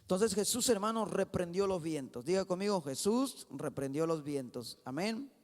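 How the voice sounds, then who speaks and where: A man preaching a sermon in a church with a Mexican Spanish accent, dropping low and then shouting his exhortations. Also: expressive, normal speed. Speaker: pastor. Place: church sanctuary. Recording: long hall reverb.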